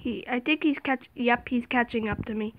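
A woman giving excited game commentary, dropping to whispers and jumping to shrieks. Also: on the high side, normal speed, phone-quality sound, noisy background. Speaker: gaming video host.

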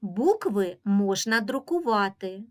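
A woman with a Ukrainian accent teaching a reading lesson to young children, drawing out each example word slowly and giving patient, clearly paced instructions. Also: medium pitch, very animated, darkish tone. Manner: slow, drawn-out pronunciation of example words.

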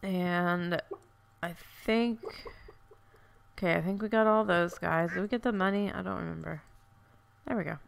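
Her voice lowish, gravelly and stuffy, a let's play host chats at normal speed through a farming game. She thinks out loud and corrects herself along the way in casual gameplay commentary.

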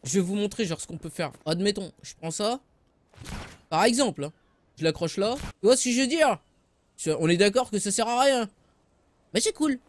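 Brief: young male gaming streamer, very high voice, jumpy pitch, slight background hiss. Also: animated, moderate pace, long pauses. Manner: loud, joking, swearing often, talks to chat. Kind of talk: excited live gameplay commentary.

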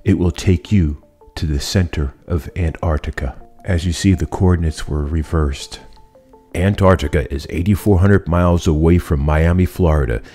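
A middle-aged man giving steady, measured scripted narration as a YouTube host, recorded in an indoor studio room facing a desk camera. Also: deep voice, faint music behind.

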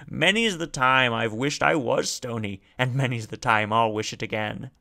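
A man's voice: medium pitch, normal speed, vocal fry, pushed and bright. A man voicing a big, self-assured male commander who speaks gaily and knowingly in a glottal tenor. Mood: jovial.

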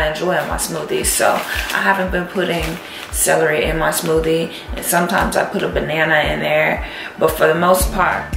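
A woman's voice: sits low, gravelly. Young woman vlogging from an echoey kitchen. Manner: chatty, relaxed, talks while cooking. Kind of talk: casual kitchen vlog. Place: home kitchen, indoors. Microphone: camera on the counter. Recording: echoey kitchen with loud music.

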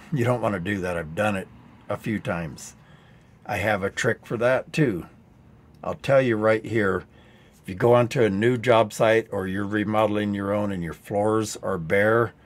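Speaking at a fairly low pitch, a man in his sixties hosts a live DIY teaching stream from an indoor studio, his voice growing a bit hoarse. He uses a headset mic and explains tricks in a rambling, dry-humored way.

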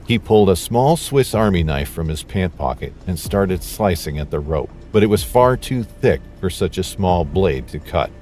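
A man giving scripted narration in a steady, dramatic storytelling manner. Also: low voice, moderate pace, few pauses.

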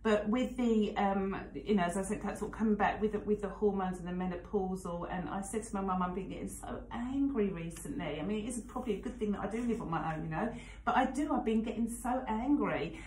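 A woman's voice: mid-range voice, fast, a little mellow, reverberant, a little hiss or hum, low-quality recording. A woman in her forties presenting on the radio, chatting frankly with plenty of fillers and asides. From England. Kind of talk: casual radio chat. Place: radio studio. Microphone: studio microphone.

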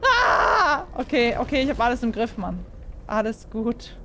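A woman's voice: on the high side, moderate pace, a little hiss or hum. A young woman playing a horror game and commenting for her viewers, jumpy and full of exclamations, often asking them questions. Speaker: gaming YouTuber.

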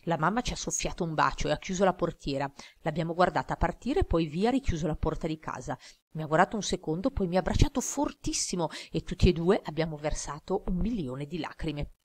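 A woman narrating an audiobook in a steady, even storytelling manner. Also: low-pitched, brisk. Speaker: audiobook reader.

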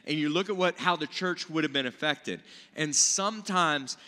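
Here the pastor's voice is a little high, bright and forceful, moving at a moderate pace. A man in his forties, he gives an earnest, conversational Bible teaching from the stage of a church auditorium, with a seated audience and the reverberant sound of a big hall.

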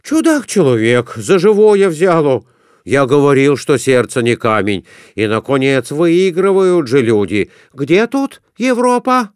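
A man doing a loud, folksy rustic merchant. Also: on the high side, big pitch swings, measured pace, clear, resonant tone, dry recording, studio quality, pitched above the performer's own voice. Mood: rowdy.

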